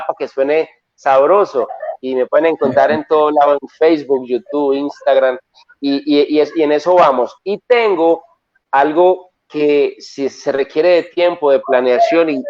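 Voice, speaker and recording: A man from Colombia, a singer and songwriter, chatting casually as an interview guest and telling his stories with enthusiasm. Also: a little high. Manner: lively, storytelling, enthusiastic. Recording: dull lo-fi remote audio.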